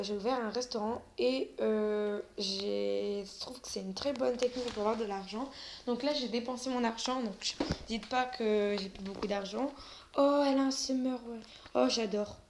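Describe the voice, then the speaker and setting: A woman talks her viewers through a game in a loose, casual way, pausing on fillers and often stammering on her words. Her voice sits at an ordinary middle pitch. A faint noise runs under the recording. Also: steady tone, a little mellow. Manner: hesitant, many fillers. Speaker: gaming video creator. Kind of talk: casual gameplay commentary.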